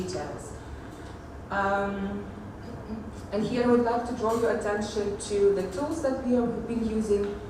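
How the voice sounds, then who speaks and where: A woman giving a technical conference presentation, pausing often with fillers and restarts. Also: medium pitch, background noise. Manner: hesitant, many fillers and restarts. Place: large echoey conference hall. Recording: echoey hall audio from far off.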